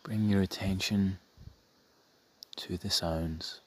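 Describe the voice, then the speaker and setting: A man with a low-pitched voice softly guides a meditation, his intonation fairly even. The half-whispered delivery is breathy and soothing, paced with measured phrases and long pauses.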